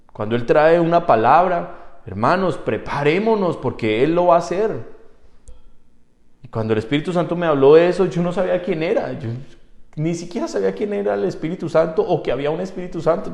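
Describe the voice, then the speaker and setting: A male pastor with a fairly high voice preaches an earnest sermon. He speaks from personal testimony and urges his congregation on with fervor. His voice carries a roomy church echo. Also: vocal fry, a little mellow. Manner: earnest personal testimony building to fervent exhortation.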